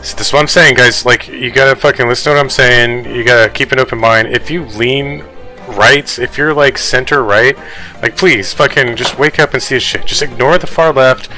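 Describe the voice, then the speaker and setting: A man rants through his news commentary, swearing constantly as he speaks straight to his viewers. His voice is bright and sharp, and his delivery is fast and fired up. Faint music plays quietly behind him. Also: medium pitch, rough recording. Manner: profane, ranting, heavy swearing. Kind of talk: casual reaction commentary on news articles.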